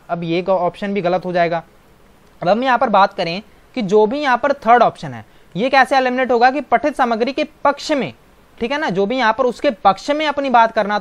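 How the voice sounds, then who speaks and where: A man's voice: high voice, clean tone. Male teacher explaining questions. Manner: explanatory, keeps adding "right?" tag questions. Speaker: exam-prep teacher. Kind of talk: online exam-prep lecture.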